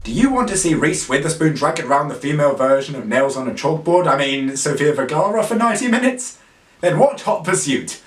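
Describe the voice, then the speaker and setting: A man's voice: on the high side, expressive, a little fast, a little hiss or hum. A man ranting sarcastically through a countdown of bad films, exasperated and swearing. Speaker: film reviewer. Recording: echoey room, distant mic.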